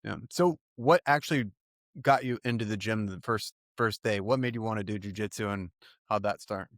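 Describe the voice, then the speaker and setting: A man's voice: on the low side, normal speed, no echo, clean studio sound. A man in his late forties hosting a podcast, asking short, loose questions. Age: 40s. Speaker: podcast host. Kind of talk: casual interview questions.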